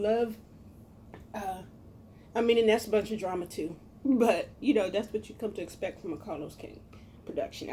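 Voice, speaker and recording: A middle-aged American woman chatting casually to viewers as a cooking vlogger, with a folksy, expressive, emphatic manner. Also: medium pitch, a little hiss or hum.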